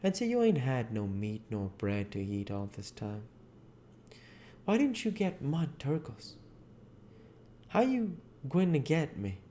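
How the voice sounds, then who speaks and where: Man voicing Jim, earnest folksy man, pitched up. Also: very animated, slow pace, pauses often, warm tone. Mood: questioning. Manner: folksy, emphatic, dialect-heavy speech. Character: Jim, superstitious runaway man in old American South, earnest. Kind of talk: storybook character reading. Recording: audible background noise.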